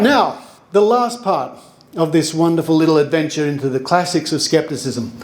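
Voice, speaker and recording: A man's voice: a little high, darkish tone, slight background noise. A middle-aged man with an Australian accent giving a chatty, jokey live conference talk and bringing audience members up to help. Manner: jokey, chatty showman, breaks into laughs. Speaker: skeptic presenter on stage.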